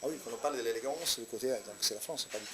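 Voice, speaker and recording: A man's voice: medium pitch, rapid-fire, slight background noise. A man with an Italian accent, a comedian answering interview questions in a hesitant way, with many fillers and restarts. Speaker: comedian guest. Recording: loud crowd chatter behind. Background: crowd chatter.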